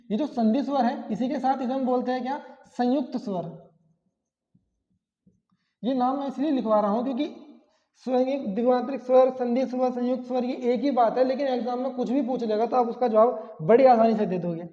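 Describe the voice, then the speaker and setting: A man's voice: very high-pitched, mellow. A man teaching an exam-prep grammar lesson, repeating key terms and asking rhetorical questions. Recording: echoey, dull lo-fi classroom sound.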